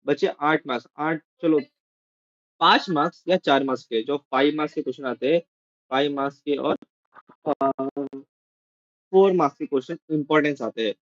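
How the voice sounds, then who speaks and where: Chatty teacher, dull lo-fi audio. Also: male voice, on the high side, moderate pace, pauses often. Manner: chatty, repeats "theek hai" often. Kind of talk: casual exam-prep lesson.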